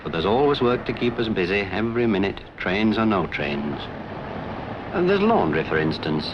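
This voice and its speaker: A man's voice: on the low side, big pitch swings, moderate pace, background noise. A man narrating a scripted 1950s documentary as a railway official, in a conversational, wry storytelling way. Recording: dull 1950s film soundtrack with music.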